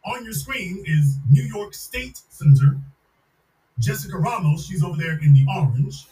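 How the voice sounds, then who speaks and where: This podcast host speaks at a moderate pace in a high-pitched voice with a dark tone and lively intonation. On his live stream he rants with emphasis and mockingly repeats slogans, picked up by a distant mic that gives a roomy sound.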